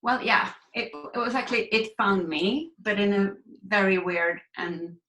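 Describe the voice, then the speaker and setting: A woman's voice: medium pitch, normal speed, bright, forceful tone, faint music behind. Swedish woman speaking in an echoey room. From Sweden. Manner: reflective, candid storytelling. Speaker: grief recovery coach, guest. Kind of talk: conversational interview.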